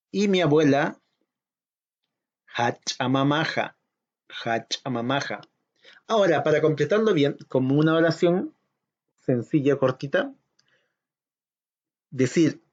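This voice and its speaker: A man teaching an online language lesson for children, speaking slowly and patiently and repeating each new word twice. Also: a little high. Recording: dull lo-fi audio.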